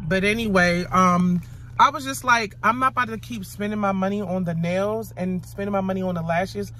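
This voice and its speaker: Speaking at medium pitch and a normal pace, a young woman chats in her car for a vlog, with a faint hiss or hum on the audio. Her talk is loose, rambling and animated, blunt and full of profanity.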